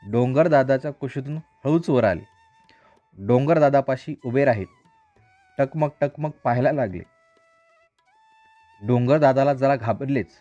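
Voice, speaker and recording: Guy reading a kids story, steady rhythmic voice, dry dull sound, soft music under it. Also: medium pitch, dry recording. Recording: dry, slightly dull recording.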